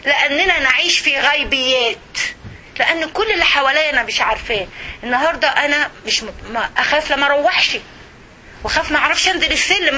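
A woman with an Egyptian accent giving an animated religious talk, acting out everyday scenes as she goes. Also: sits high, slight background noise, rough recording. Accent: Egyptian Arabic. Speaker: religious speaker.

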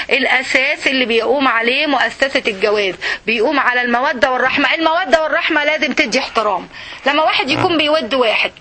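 A woman with an Egyptian Arabic accent teaching a religious lesson to women, animated and often checking with her class. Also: high voice.

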